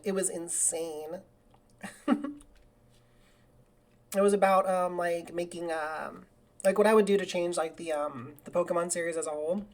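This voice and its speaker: A woman talking casually through a live game stream, with a voice sitting a bit low for a woman. She rambles along and now and then breaks into excited cheering. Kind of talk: casual live gaming commentary.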